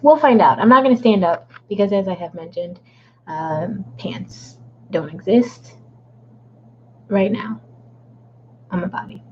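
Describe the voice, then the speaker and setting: A woman's voice: medium pitch, animated, a little slow, pauses often, highs cut off, slight background noise. A woman author chatting casually and playfully at her desk during a live writing stream, rambling a little and slipping into a put-on accent she jokes about. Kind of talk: casual livestream chat. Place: home desk.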